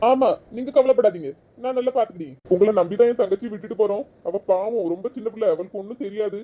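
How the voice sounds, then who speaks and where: A woman voicing a gentle young husband in an animated cartoon comedy, speaking in a soothing, reassuring way. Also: medium pitch, fast talker, lo-fi sound, close to an everyday voice.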